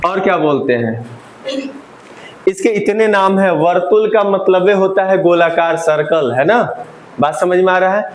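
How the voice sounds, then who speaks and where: A man's voice: high-pitched, a little slow. A male teacher giving a Hindi grammar lesson, asking the class questions and having them repeat the answers. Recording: roomy classroom echo.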